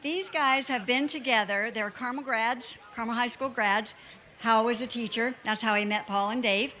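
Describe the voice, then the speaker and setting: Female festival organizer, American, slightly high voice, informal event announcements. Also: moderate pace, sharp tone, slight background noise. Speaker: festival organizer presenting thanks.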